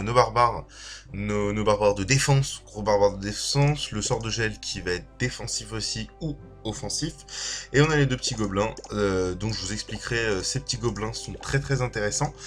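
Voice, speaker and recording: A man's voice: on the low side, fairly bright tone. A man with a slight slushy lisp on his s, giving casual, informal and somewhat hesitant gameplay commentary as a video creator. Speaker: gaming video creator and streamer. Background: music.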